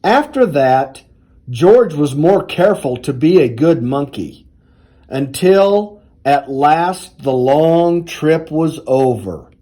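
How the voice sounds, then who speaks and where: A man reading a children's storybook aloud in a deliberate, expressive storytelling manner. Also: a little high. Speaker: university athletics director reading aloud.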